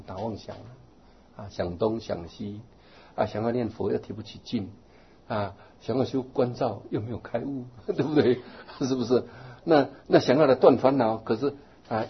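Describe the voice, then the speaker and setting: A man giving a Buddhist Dharma talk, animated and rising to emphatic exhortation. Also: fairly low pitch, breathy edge, muffled recording. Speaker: Buddhist teacher.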